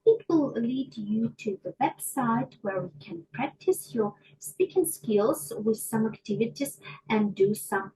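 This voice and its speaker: A woman teaching English pronunciation to a class, slow and deliberate, often checking in with her students. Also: on the high side, warm tone, rough recording. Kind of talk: online micro lesson.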